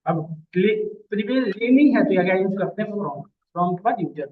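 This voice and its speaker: A man with a high-pitched, animated voice teaches a database class at a moderate pace. He calls his students "beta" and asks questions to check that they follow the lecture. A distant mic gives a phone-like, lo-fi sound.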